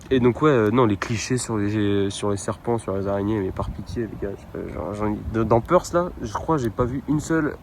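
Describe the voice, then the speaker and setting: A young French man talks loosely into his phone on a windy waterfront at night, trailing off, restarting and dropping slang as he goes. His voice sits fairly low, and wind buffets the phone mic throughout. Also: moderate pace, hardly any pauses, low-quality recording. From France. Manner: rambling, informal, lots of hesitations and slang. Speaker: vlogger. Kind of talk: casual travel vlog chat. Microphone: handheld phone camera. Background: wind and outdoor ambience.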